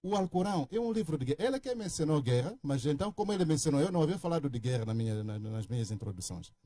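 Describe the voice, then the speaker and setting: A man's voice: a little high, sing-song, racing, mellow. A man, a pastor in a religious debate, who argues with pointed rhetorical questions.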